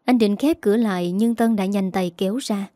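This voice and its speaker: A woman narrating an audiobook story in a steady, even manner. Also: medium pitch, a little fast, no room sound, clean studio sound.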